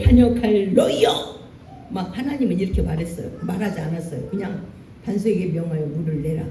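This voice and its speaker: A woman pastor preaching a sermon in a church, animated, acting out lines in a raised voice. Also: mid-range voice, roomy sound, far from the mic, a little hiss or hum. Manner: animated preaching, acts out Moses' angry lines. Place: church sanctuary.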